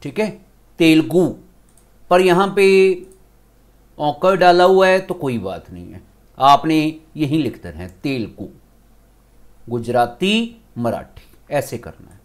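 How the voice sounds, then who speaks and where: A male school teacher with a Punjabi accent, slowly explaining a grammar lesson step by step, switching between two languages. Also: fairly high pitch, big pitch swings.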